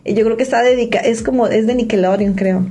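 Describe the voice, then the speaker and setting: Chatty woman, higher voice. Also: fast talker, dark tone. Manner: chatty storyteller, fillers like "este". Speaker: podcast co-host. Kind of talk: casual podcast chat.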